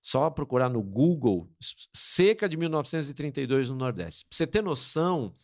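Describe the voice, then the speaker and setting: A man's voice: medium pitch, very animated, moderate pace, a little mellow. A middle-aged Brazilian man, a guest in an interview, earnestly telling an emotional family story. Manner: earnest, emotional, dramatic retelling. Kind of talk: personal storytelling.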